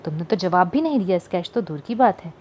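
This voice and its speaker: A woman's voice: fairly low pitch, lively intonation, fast talker, a little mellow, highs cut off, slight background noise, close to an everyday voice. A woman voicing a wry teasing young shopkeeper. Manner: wry, mock-offended banter.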